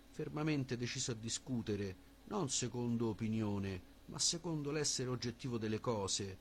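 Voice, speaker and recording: A man reading the lines of Socrates, an older male philosopher who questions patiently, in a measured and deliberate way. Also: medium pitch, slight background noise, close to an everyday voice.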